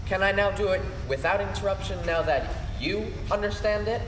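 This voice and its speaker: A man's voice: high-pitched, normal speed, close to an everyday voice. A young man playing a brooding Hamlet in a school stage play, reciting in a declamatory, theatrical way. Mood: impatient. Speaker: student performer. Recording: echoey hall, distant mic, faint noise.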